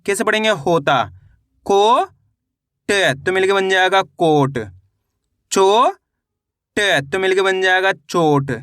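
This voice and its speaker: Man, reading teacher, high and bright voice, dry close sound, sounds out syllables slowly and deliberately. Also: smooth, dry recording. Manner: slow and deliberate, sounding out syllables then repeating each word. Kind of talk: spelled-out reading lesson.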